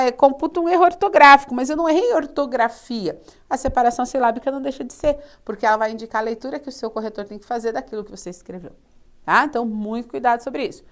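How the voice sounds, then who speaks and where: Woman, teacher, video lesson, fairly high voice, animated, mimics students. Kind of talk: video lesson on writing rules.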